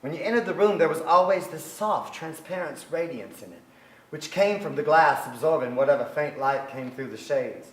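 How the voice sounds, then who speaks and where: On a theatre stage before an audience, a man with a fairly high, lively voice speaks at normal speed and sounds natural, playing a brooding, restless adult son who wistfully recalls his family in a staged reading. The recording is echoey with some noise.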